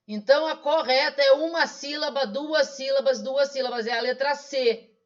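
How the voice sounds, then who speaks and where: Brazilian guy teacher solving a test, super high voice, asks himself questions, kinda dull lo-fi audio. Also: fairly even intonation, normal speed. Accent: Brazilian Portuguese. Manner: didactic, asks and answers his own questions. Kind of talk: online exam-solving lesson. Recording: dull lo-fi sound.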